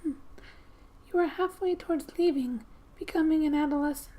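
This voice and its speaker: A gaming ASMR creator speaks softly in a high, breathy, half-whispered voice at a normal speed, reading a game's story aloud and dropping in casual asides. Quiet music plays in the background, and the recording is rough.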